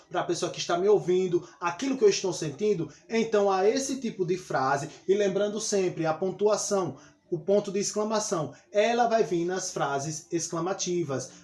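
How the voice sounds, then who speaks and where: A man with a high-pitched voice and a Brazilian Portuguese accent gives a lesson. He explains patiently and keeps turning to his students to point things out. The sound rings around an echoey room. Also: darkish tone. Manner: explanatory, addresses students directly with frequent "olha só". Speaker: teacher. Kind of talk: classroom lesson.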